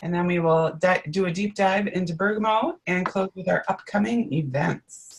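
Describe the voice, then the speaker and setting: A woman's voice: fairly low pitch, moderate pace, husky. A woman co-hosting a live webinar, explaining things in a friendly, casual way with frequent ums. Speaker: webinar co-host. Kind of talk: casual presenting.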